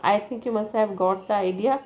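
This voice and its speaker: A woman's voice: mid-range voice, very slow, a little mellow, lo-fi sound. A woman teaching a lesson, reading from a text and checking in with her students with "right?" and "okay?". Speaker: English teacher. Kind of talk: bilingual lesson explaining slowly.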